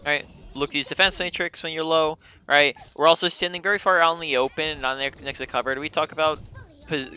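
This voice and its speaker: Bright, clear-voiced male game coach. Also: fairly high pitch, steady tone, fast talker. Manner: explains patiently, often checks in with "right?". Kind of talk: casual one-on-one coaching.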